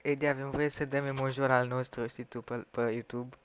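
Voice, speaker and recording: A man chatting casually while livestreaming a shooter game, swearing loosely and shouting quick callouts. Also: medium pitch, flat delivery, a crowd in the background. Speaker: livestreaming gamer. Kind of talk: casual chat while gaming.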